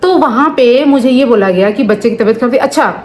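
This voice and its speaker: A woman's voice: on the high side, fast talker, a little hiss or hum. A woman in her thirties, a family vlogger, explaining at length to camera in a casual, aggrieved way with many asides. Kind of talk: casual talking-to-camera vlog.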